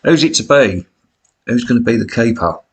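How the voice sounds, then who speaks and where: Live streaming a football management game, a British bloke keeps up chatty, self-mocking commentary, his voice raspy from smoking and broken by coughs. He sits at medium pitch and talks at a normal speed in an animated way.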